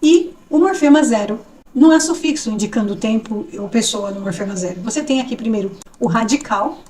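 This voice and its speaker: A woman's voice: a little high, a little fast, a little mellow, far from the mic. A woman teaching an online grammar lesson in a conversational, explanatory way, often checking in with the listener.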